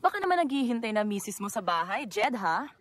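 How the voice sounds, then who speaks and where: An actress playing a sassy, teasing young wife in a romantic comedy film. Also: female voice, fairly high pitch, big pitch swings, brisk.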